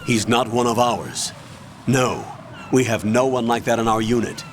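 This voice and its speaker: A man's voice: mid-range voice, unhurried, slight background noise, natural voice. An actor playing a male military colonel who gives firm orders. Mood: commanding.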